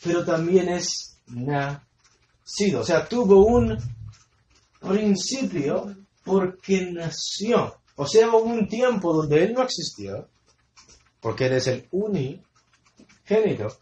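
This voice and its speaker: Speaking slowly and pausing often, a male preacher delivers an animated Bible study sermon in a high voice with a darkish tone. He hammers home key words by repeating them and has the congregation fill in blanks in his questions. The room sound is echoey.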